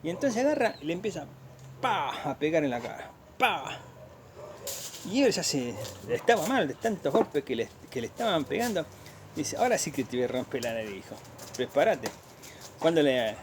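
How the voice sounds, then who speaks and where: A man's voice: sits high, slight background noise. An Argentine man telling a gaucho folk tale aloud, rambling with restarts and spoken sound effects. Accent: Argentine Spanish. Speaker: storyteller.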